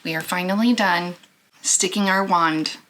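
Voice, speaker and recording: A woman's voice: on the low side, a little slow, a bit bright, low-quality recording. Chatty, playful woman showing crafts. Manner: playful and chatty, folksy asides. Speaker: craft vlogger presenting finished makes. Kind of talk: casual show-and-tell chat.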